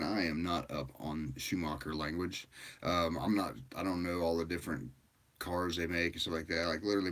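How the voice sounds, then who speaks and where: A man with a very deep voice hosts a casual livestream and chats with viewers. He sounds tired and rambles in a loose, easygoing way, with plenty of fillers. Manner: rambling and relaxed, with frequent fillers and laughs. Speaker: livestream host.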